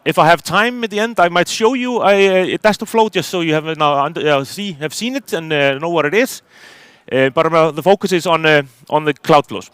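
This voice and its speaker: A man's voice: on the high side, fairly quick, fairly bright tone, clean tone, dry recording. A middle-aged man from Iceland, giving a technical conference talk from a stage, hesitant with many fillers and restarts. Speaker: conference speaker.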